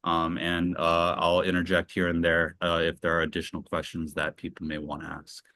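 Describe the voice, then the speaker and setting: A man hosts a casual online interview in a very low voice. He talks loosely, full of fillers and restarts, and the recording is dry and close. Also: completely flat delivery, normal speed, pushed and bright, no echo. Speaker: interview host.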